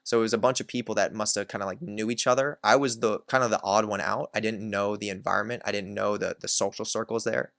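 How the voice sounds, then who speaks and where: A man's voice: on the low side, fairly even intonation, fast talker, vocal fry, few pauses, fairly bright tone, no echo, studio quality. A man hosting his own channel, candidly telling a personal story in a reflective way, with many filler words. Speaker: self-help channel host.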